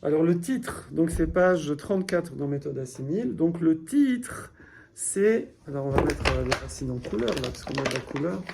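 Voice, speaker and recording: A man's voice: fairly high pitch, expressive, normal speed, creaky, background noise. A man teaching a classroom lesson, patiently explaining step by step and quizzing his students. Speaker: Hebrew teacher.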